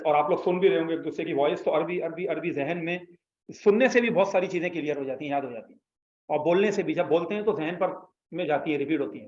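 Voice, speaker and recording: A man's voice: a little high, a little mellow. A man teaching an Arabic class, patiently explaining and prompting students to repeat after him. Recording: echoey room, slightly dull sound.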